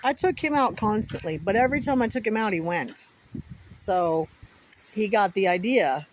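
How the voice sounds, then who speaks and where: A woman's voice: medium pitch, lively intonation, moderate pace, rough recording. A woman chatting casually to viewers outdoors in a folksy, rambling way, with wind on the mic. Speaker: vlogger. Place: outdoors at home, with pets around.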